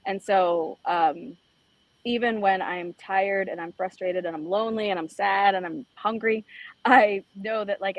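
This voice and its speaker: A woman's voice: mid-range voice, no room sound, rough recording. A middle-aged woman from El Salvador, an insurance agent, chatting as a radio guest with many ums and restarts. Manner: conversational with frequent fillers and restarts. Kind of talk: casual radio interview. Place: high school.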